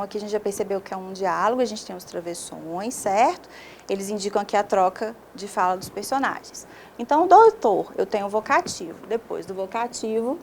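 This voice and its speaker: A woman's voice: a little high, slight background noise. A woman, a teacher explaining a video lesson step by step and checking in often with her students. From Brazil.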